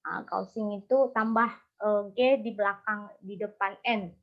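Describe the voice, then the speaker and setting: A woman's voice: medium pitch, steady tone, unhurried. A young woman teaching Mandarin tones online, explaining patiently step by step with many fillers over a video call. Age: young adult. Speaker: Mandarin tutor. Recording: dull lo-fi video call audio.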